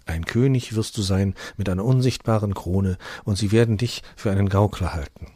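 A serene divine queen of a distant realm speaks with calm, solemn tenderness, as a man voices her. The tone stays low, dark and a little husky. The storybook reading sounds close and dry. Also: a little fast, no echo. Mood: solemn tender.

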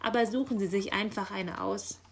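A woman's voice: medium pitch, normal speed, gravelly, slightly rough. A woman voicing a fussy, chattering female magpie postmistress in a children's audio story, eager and easily flustered. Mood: chatty. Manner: eager, flustered, rising excited lines.

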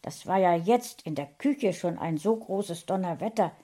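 Woman reading a cat story real slow, expressive, calm. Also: lowish voice. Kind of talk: storybook narration.

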